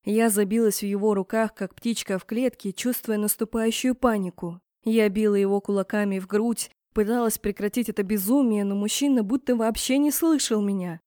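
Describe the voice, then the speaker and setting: A woman narrating a first-person romance fantasy story in an expressive, dramatic reading. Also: medium pitch, moderate pace, hardly any pauses, no room sound, studio quality. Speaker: audiobook narrator.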